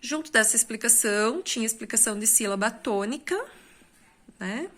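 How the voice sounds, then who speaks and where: A woman's voice: on the high side, normal speed, fairly bright tone. A woman with a Brazilian Portuguese accent, a school teacher going through exercise corrections in a recorded lesson, explaining step by step and often checking in with the class.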